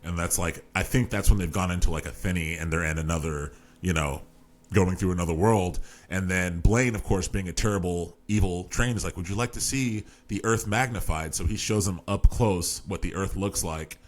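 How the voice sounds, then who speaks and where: Deep-voiced man rambling about a book. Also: fairly even intonation, normal speed. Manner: rambling, lots of fillers and restarts. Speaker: podcast host. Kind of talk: casual book discussion.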